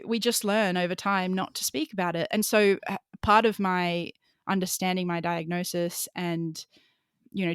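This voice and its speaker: A woman's voice: fairly low pitch, smooth, dry recording, studio quality. A woman hosting a podcast, talking passionately and openly and laughing often as she speaks. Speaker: podcast host. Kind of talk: podcast conversation.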